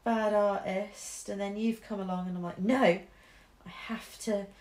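A young artist streamer from Shropshire, England, chats slowly while drawing in her echoey living room, her mixed Midlands accent full of ums and small restarts. Her voice is mid-range, a little mellow and fairly even, and she laughs easily. A camera over her shoulder records her.

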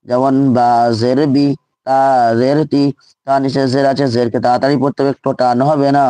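A man's voice: mid-range voice, little pitch movement, brisk, warm tone, no room sound. A man teaching Quran reading in a live online lesson, drilling letters and syllables aloud and repeating each one patiently.

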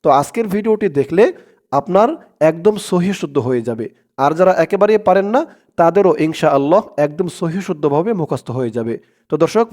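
A man's voice: fairly high pitch, a little mellow. A man teaching prayer recitation, spelling it out syllable by syllable and drawing out the Arabic words. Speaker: Quran teacher.

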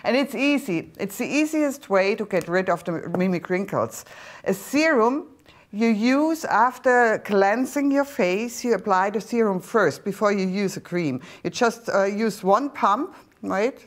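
A woman's voice: medium pitch, expressive. German-accented woman doctor explaining a serum. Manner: explanatory, slightly halting non-native phrasing. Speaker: skincare doctor presenting a product. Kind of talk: TV shopping product demonstration. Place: TV studio set. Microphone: lapel mic.

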